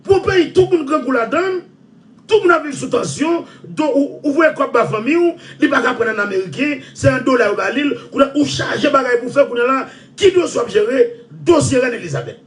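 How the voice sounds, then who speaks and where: A man with a Haitian Creole accent, ranting loudly and repeating himself. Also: very high voice, expressive, fairly quick, recorded from a distance. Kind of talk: impassioned rant.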